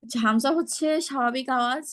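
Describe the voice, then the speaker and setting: A woman's voice: fairly high pitch, quick pace, fairly bright tone. A woman teaching pronunciation in an online class, patiently explaining and modeling each sound over a video call.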